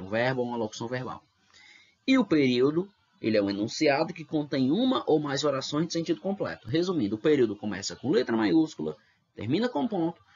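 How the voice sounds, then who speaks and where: A man's voice: mid-range voice, lo-fi sound. A male teacher with a Brazilian Portuguese accent, explaining grammar patiently in an online class and checking in often with the students.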